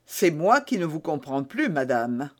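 A man reading an audiobook voices a stern, devout soldier guard who speaks gravely and solemnly. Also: on the high side, very animated, unhurried. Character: stern, pious young male soldier guard.

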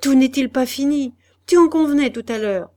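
A woman's voice: high voice, moderate pace, warm tone, voice pushed up, natural voice. A woman voicing a desperate young wife in an audiobook, reading her lines with strong emotion, pleading and harsh by turns.

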